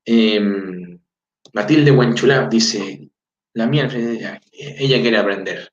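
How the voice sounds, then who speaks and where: A Chilean man with a fairly low voice speaks slowly, teaching his language in a casual chat where he checks in with listeners, reads out greetings, and keeps asking "¿ya?" between fillers. He's an adult with a four-year-old daughter. The recording is roomy, distant and dull lo-fi, with slight background noise.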